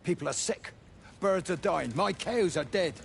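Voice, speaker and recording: A man's voice: high voice, normal speed, slight background noise. A man playing a blunt, protective farmer. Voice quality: blunt, gruff.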